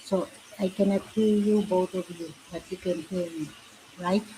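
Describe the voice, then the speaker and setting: A woman chatting casually in halting, non-fluent English, often repeating herself. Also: on the low side, fairly even intonation, warm tone, low-quality recording. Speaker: live stream host. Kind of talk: casual chat. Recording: faint background noise.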